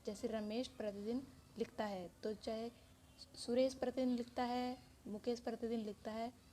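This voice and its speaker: Female teacher, mellow voice, patient step-by-step explaining, faint room hum. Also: mid-range voice. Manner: explains step by step with many examples. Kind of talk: Hindi grammar lesson.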